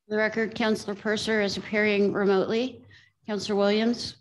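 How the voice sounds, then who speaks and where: A woman, the city clerk, calling the roll and reading agenda corrections in a brisk, businesslike way. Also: medium pitch, flat delivery, low-quality recording. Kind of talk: roll call and agenda notes. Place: city council chamber.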